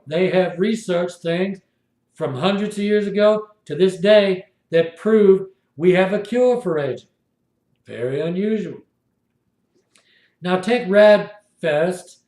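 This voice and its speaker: A man in his sixties, a video blogger, tells a long, indignant story in a rambling, repetitive first-person monologue. His voice is high-pitched and reverberant.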